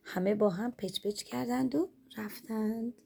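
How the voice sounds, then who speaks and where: A woman reading a children's story aloud in calm, steady narration. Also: a little high, vocal fry, slightly rough.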